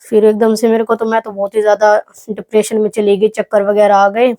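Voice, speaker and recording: A young woman from Haryana, telling a personal story in an interview in a soft, reflective, halting way. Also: mid-range voice, level tone. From Haryana, India. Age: young adult. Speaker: athlete guest.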